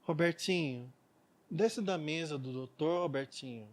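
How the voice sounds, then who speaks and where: A man's voice: a little high, measured pace, close to an everyday voice. A man doing a meek, pleading mother. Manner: weak, pleading. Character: passive, embarrassed mother.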